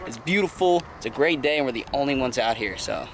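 A young man hosting a casual fishing vlog outdoors on a bridge, narrating to a handheld camera with excited, upbeat energy. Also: medium pitch, quick pace. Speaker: vlog host. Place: outdoors on a bridge over water. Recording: noisy outdoor camera audio.

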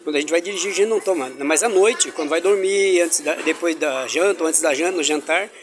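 Against background noise, a man with a fairly high voice talks quickly as he explores an indoor farmers' market for his travel vlog. He's cheerful and chatty, addressing his camera and chatting with vendors and kids, and he uses religious exclamations.

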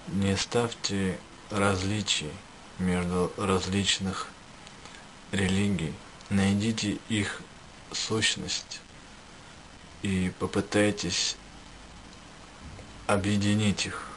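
Slow, deep-voiced man giving spiritual teaching. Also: little pitch movement, fairly bright tone, a little hiss or hum, low-quality recording. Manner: measured, in short phrases with pauses. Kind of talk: spiritual address to listeners.

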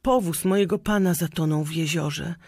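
A man's voice: normal speed, darkish tone, breathy edge, no room sound. A man voicing a frightened old-time coachman. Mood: shaken. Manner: exclaiming, raised pitch. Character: frightened middle-aged male coachman, weary.

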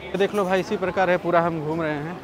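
A man with a high voice and fairly even intonation talks fast as he films a casual walking vlog on a busy street, making crude jokes about what he passes. The handheld-camera audio is low quality, with crowd and street noise.

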